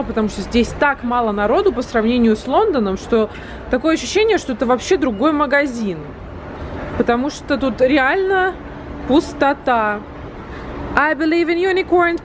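A young Latvian vlogger chats animatedly to her viewers on camera, filming with a phone at arm's length as she moves along a city street, into shops, and then into a parked car. Her voice sits high with lively intonation at a normal speed, and there's slight background noise.

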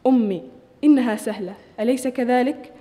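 A woman's voice: a little high, fairly quick, dark tone, close to an everyday voice. A woman voicing a hopeful young mother coaxing her silent son to speak, in a pleading tone. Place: hotel function hall. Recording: long reverb of a large hall.

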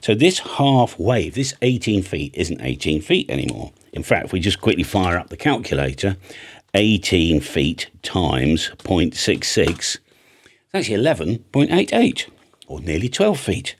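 Speaking at a measured pace with a low voice and big pitch swings, this British man in his fifties sounds husky and talks informally, regularly asking the listener "right?" or "okay?". He's an amateur radio operator and antenna maker presenting a plain-spoken tutorial, recorded close on a boom-arm studio mic in a small home studio.

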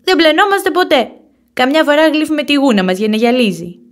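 A woman voicing a cheerful, easygoing young boy badger in a storybook reading, bright and chuckling. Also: high-pitched, expressive, pitched above the performer's own voice.

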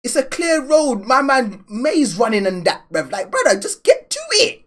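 A man's voice: very high-pitched, sing-song, normal speed, a bit bright. A young man hosting a reaction video in casual, teasing, slangy banter, recorded at home on a headset. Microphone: over-ear headset.

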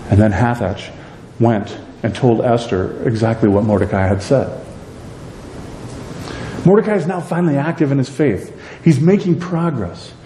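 A middle-aged man preaching a sermon from the pulpit, animated and conversational, often asking "right?". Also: mid-range voice, normal speed, a little hiss or hum. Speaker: pastor. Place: church sanctuary with a pulpit. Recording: echoey church hall, voice a bit distant.

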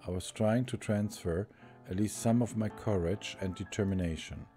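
A man's voice: fairly low pitch, mellow, soft background music. A man with a German accent streaming a game, reading its text aloud and commenting, chuckling and correcting his own slips. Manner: slow reader who chuckles and corrects himself. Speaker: let's play streamer.

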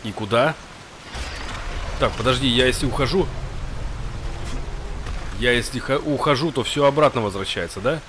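A male gamer with a mid-pitched voice comments casually as he plays. He thinks aloud in short, colloquial phrases, with faint rain and game noise behind him. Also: moderate pace, pauses often. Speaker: gamer, let's-play host. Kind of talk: casual improvised gameplay commentary. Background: game ambience with rain.

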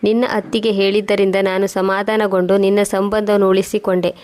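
A woman's voice: medium pitch, brisk, close to an everyday voice. A woman reading as a stern elderly mother. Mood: stern scolding. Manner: flat, even reading.

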